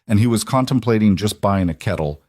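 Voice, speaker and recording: A man narrating a scripted story in an even, measured way. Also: on the low side, no echo, clean studio sound.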